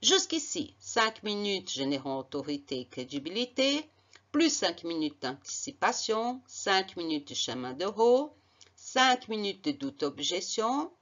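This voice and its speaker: A woman's voice: medium pitch, a bit bright, dull audio. A woman giving a narrated slide lesson as a marketing coach, emphatic and encouraging, often repeating and correcting herself as she talks. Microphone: voice-over on slides.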